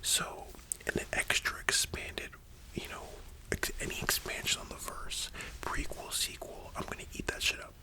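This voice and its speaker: An ASMR host whispering softly in a library-style whisper, chatting informally with slangy, opinionated fan commentary. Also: moderate pace, rough recording. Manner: soft unvoiced whispering throughout.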